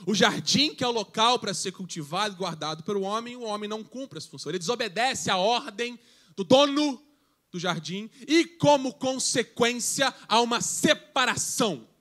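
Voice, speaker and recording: A man's voice: high voice, expressive, moderate pace, a bit bright. A man preaching a sermon to a youth service, conversational, reading scripture aloud and joking with the congregation. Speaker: pastor. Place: church service.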